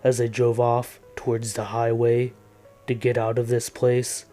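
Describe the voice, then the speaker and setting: A man reading a first-person horror story in a calm, tired, scripted narration. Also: medium pitch, a little slow. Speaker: creepypasta narrator. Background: faint background music.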